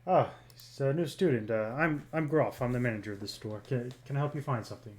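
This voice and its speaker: A man's voice: medium pitch, quick pace, natural voice. A man voicing Groff, a friendly human shop manager, chatty and eager to sell.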